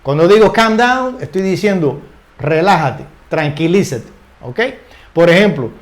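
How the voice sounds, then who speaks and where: Older man, high voice, informal grammar teacher; chatty, checks in with tag questions, repeats words mid-thought. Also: animated, unhurried. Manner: ends phrases with tag questions, repeats words while searching. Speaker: English teacher. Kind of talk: casual spoken grammar lesson.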